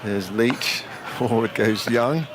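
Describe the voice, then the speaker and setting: A man's voice: medium pitch, slow pace. A man giving live ball-by-ball cricket radio commentary mixed with casual chat. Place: commentary box at a cricket ground. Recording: outdoor ground noise behind voice.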